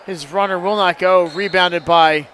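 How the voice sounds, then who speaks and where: A man calls a basketball game play by play in a high, light voice. He is quick and jokey and gets louder on the big plays. A faint murmur of gym noise sits behind him. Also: fairly even intonation. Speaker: play-by-play announcer. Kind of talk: live basketball play-by-play commentary.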